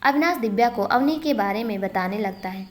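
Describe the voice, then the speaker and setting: A woman narrating a family story in a plain, steady reading voice. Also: on the high side, a little fast.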